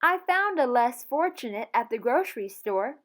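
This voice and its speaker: A woman's voice: fairly high pitch, sing-song, moderate pace, fairly bright tone. A woman voicing an earnest, polite young girl pleading with her father in a storybook reading.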